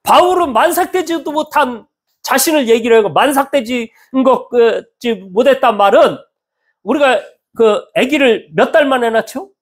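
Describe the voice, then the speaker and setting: A male pastor preaching a sermon in a church, animated and acting out the voices of people he quotes. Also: extremely high pitch, moderate pace. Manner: animated, acts out quoted speech with lively swings in tone.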